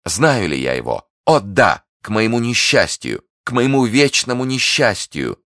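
A man lifting his voice into a theatrical, scheming noblewoman who pleads in high, breathless exclamations. Under the raised pitch there is still a deep, gravelly rasp, in a dry, close recording. An audiobook character, all wrung hands and cries for mercy. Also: normal speed, a bit bright, dry recording. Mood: desperate pleading.

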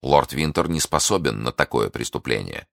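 A man reading a stern, earnest Puritan officer in a very deep, gravelly voice. He speaks gravely and firmly, with a dry, close sound. An audiobook figure of few, solemn words. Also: expressive, normal speed, no room sound, exaggerated voice. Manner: grave, firm, plainly spoken.

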